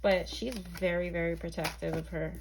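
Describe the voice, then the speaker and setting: A woman's voice: lowish voice, steady tone, normal speed, gravelly, background noise. A young woman from Barbados, reading tarot cards to camera in a chatty, hesitant way full of ums and likes. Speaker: tarot reader.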